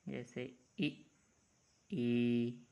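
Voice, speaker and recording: A man teaching a lesson at an unhurried, deliberate pace. He explains step by step and stretches out each sound he demonstrates. His voice sits at an ordinary pitch for a man. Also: little pitch movement, gravelly, mellow, dull audio, a little hiss or hum. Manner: slow, measured, drawn-out letter sounds.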